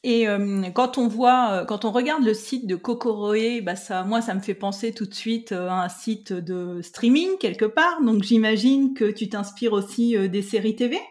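A woman's voice: medium pitch, moderate pace, few pauses, darkish tone. A woman hosting a podcast interview, friendly, with filler hesitations when she asks questions. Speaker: podcast host.

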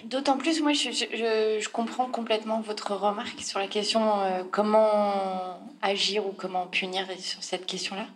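A woman's voice: mid-range voice, steady tone, normal speed, slight background noise. A woman panel speaker explaining her views emphatically in an unscripted political discussion.

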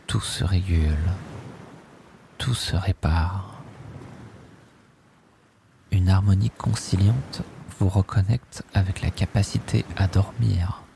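Very slow deep-voiced man guiding sleep. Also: gravelly. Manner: soft, drawn-out, repeating words hypnotically. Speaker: sleep meditation guide. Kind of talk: slow guided sleep hypnosis narration. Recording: steady ocean wave noise behind. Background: ocean waves.

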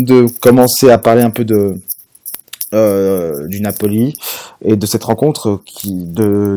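Mellow-voiced podcast host. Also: male voice, lowish voice. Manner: hesitant, many fillers and restarts, laughs often. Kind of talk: casual sports podcast chat.

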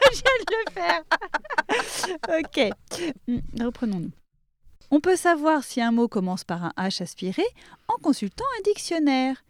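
A woman's voice: sits high, a little mellow, no echo. A young woman giving a comic pronunciation lesson in a playful, teasing way, often laughing. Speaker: comic language teacher.

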